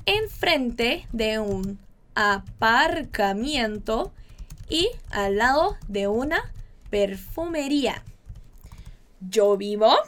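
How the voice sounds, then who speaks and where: A woman from Brazil giving a chatty, upbeat Spanish lesson, drilling words slowly and repeating them. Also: fairly high pitch. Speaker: Spanish teacher. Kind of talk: casual online language lesson.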